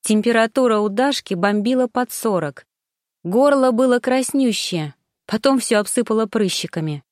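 A woman reading a story aloud as an audiobook narrator, in a steady, measured manner. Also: fairly high pitch, dry recording, studio quality. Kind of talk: scripted narration.

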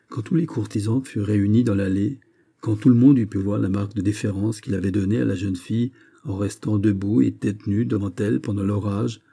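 This audiobook of a classic novel is told by a man whose lowish voice is slightly rough. His delivery stays even and measured throughout.

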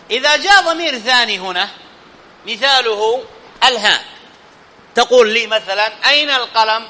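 High, bright-voiced male teacher in a reverberant hall. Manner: questioning students, checking understanding. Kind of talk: live classroom grammar lesson. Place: classroom.

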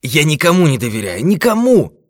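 A man's voice: high voice, lively intonation, normal speed, voice pushed up. A man voicing a frail, paranoid old man who shrieks in panic. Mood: panicked.

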